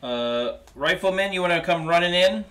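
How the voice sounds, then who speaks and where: A man's voice: sits high, lively intonation, normal speed, bright, forceful tone. A man chatting casually as a player during a tabletop game, talking through moves.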